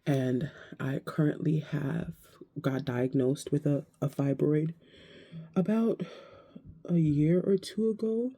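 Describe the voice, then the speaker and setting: A woman in her thirties talking to camera in a casual, reflective vlog, hesitant and searching, with many pauses and restarts. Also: sits low, dark tone, slightly rough. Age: 30s. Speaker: vlogger.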